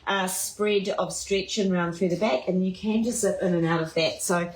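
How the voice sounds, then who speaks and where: A woman's voice: fairly low pitch, moderate pace. A chatty, enthusiastic woman presenting shoes in a live showcase, with many fillers. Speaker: fashion presenter. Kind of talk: live shoe showcase chat. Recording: echoey room.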